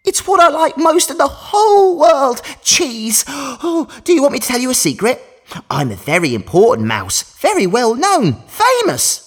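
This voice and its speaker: A woman's voice: high voice, huge pitch swings, normal speed, exaggerated voice. A woman voicing a boastful, gleeful magical tooth-collecting mouse for a children's story, exclaiming and giggling like an overbright party host. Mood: excited, playful. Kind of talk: children's storytelling for a listening exercise.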